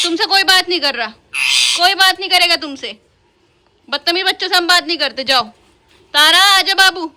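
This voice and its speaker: A woman's voice: high voice, bright, forceful tone. A woman vlogger, chatting casually to her pet parrots and switching between scolding and coaxing baby talk.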